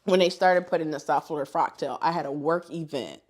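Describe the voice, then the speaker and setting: A woman hosting a livestream in casual chat, an animated storyteller who laughs a lot. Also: sits low, a little fast. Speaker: livestream host.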